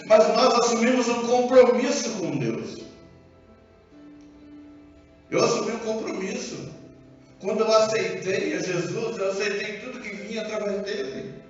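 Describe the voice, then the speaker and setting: Brazilian pastor preaching in an echoey church. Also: male voice, sits high, unhurried, long pauses. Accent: Brazilian Portuguese. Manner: animated preaching with acted-out dialogue. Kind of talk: sermon. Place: church sanctuary. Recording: echoey hall from far off, dull sound, music behind.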